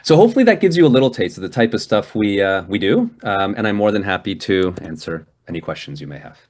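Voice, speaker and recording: Speaking as a guest over a video call, a man from Hungary lectures and fields questions in a chatty style, often restarting and tacking "right?" onto what he says. He talks fast in a fairly low, darkish, sing-song voice.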